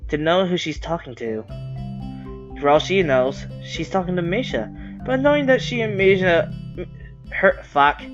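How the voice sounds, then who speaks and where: A man's voice: sits high, a bit bright, highs cut off. A man reading a visual novel aloud as a streamer, casual and conversational, cursing at his slips and rereading lines.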